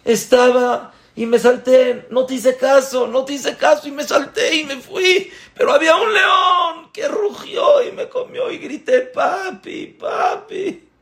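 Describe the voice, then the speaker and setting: A man voicing a frightened, disobedient young prince who cries out in high, pleading tones. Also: measured pace, creaky, fairly bright tone, exaggerated voice. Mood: frantic.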